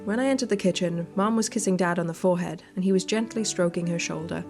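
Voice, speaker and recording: Hosting a gaming video, a woman with a lowish voice reads a horror story game aloud at a quick pace, reacting off the cuff with sweary, unscripted asides. Faint game music plays behind her.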